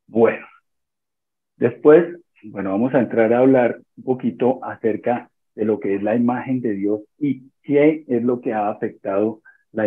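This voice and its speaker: Husky-voiced man teaching over a tinny call. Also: lowish voice. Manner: measured, restates phrases and pauses to search for words. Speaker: church class teacher. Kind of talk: teaching a church discipleship class. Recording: tinny phone-like online call audio.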